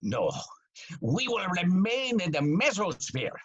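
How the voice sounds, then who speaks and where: A man's voice: sits high, huge pitch swings, slow pace, a bit bright, breathy edge, lo-fi sound, exaggerated voice. An actor playing a pompous, bumbling male airline captain in a comic audio play, speaking in a grandiose, self-important way full of innuendo. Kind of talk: comic audio drama acting.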